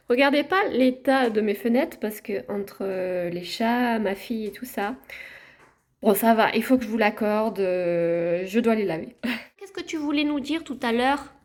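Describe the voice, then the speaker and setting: A woman's voice: mid-range voice, darkish tone. A woman chatting casually in a home vlog, showing her plants to viewers. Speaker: gardening vlogger. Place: at home by a window.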